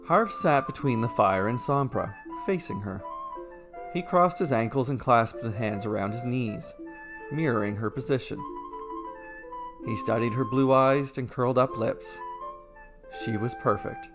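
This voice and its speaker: A man with a mid-range voice reads a scripted fairy tale at an unhurried pace, acting as storyteller and narrator. Instrumental music plays behind him throughout the recording.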